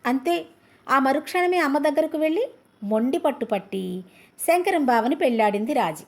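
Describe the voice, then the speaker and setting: A woman reading a comedy story aloud in a gentle, friendly storytelling manner. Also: high voice, animated, normal speed.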